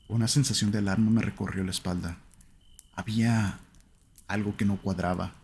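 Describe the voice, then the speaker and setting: A man narrating a first-person horror story in a slow, somber, suspenseful way. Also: fairly low pitch, slight background noise.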